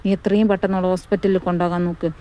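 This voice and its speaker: A woman's voice: fairly low pitch, flat delivery, racing, warm tone, natural voice. Woman playing a motherly village midwife. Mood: urgent. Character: kindly village midwife, reassuring then urgent.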